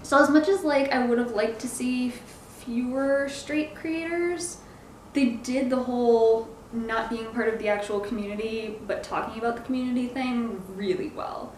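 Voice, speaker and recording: A woman's voice: on the high side, moderate pace, a little mellow. A woman giving a casual review in a hesitant way, groping for words and correcting herself as she goes. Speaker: comic book reviewer. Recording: echoey room, faint background noise.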